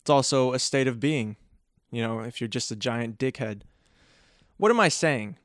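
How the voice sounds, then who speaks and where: A man's voice: mid-range voice, moderate pace, no room sound, studio quality. A man hosting a solo podcast, telling a story casually in a joking, rambling way and often correcting himself. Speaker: podcast host.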